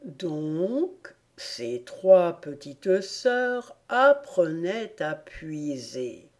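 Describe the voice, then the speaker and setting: A woman voicing a drowsy male dormouse with a slow, dreamy, half-asleep drawl in an audiobook. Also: on the low side, sing-song, darkish tone, full character voice. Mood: sleepy. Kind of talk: audiobook character voice.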